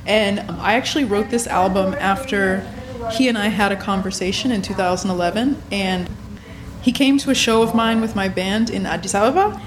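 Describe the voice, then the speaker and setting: A woman's voice: medium pitch, brisk, a crowd in the background. A woman from Ethiopia in her forties, a musician answering interview questions in a reflective, storytelling way and laughing easily. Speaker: musician guest.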